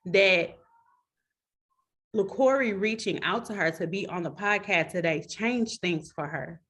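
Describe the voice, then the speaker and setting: A woman hosts a live book podcast. Her bright voice is earnest and emphatic. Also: mid-range voice, a little slow. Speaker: podcast host. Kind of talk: casual podcast chat.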